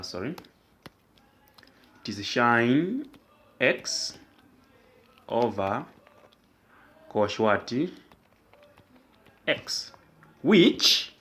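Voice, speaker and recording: In this whiteboard math lesson, a man with a lowish, somewhat bright voice tutors step by step. His explanation is slow, deliberate and repetitive, and he keeps asking himself questions that he goes on to answer.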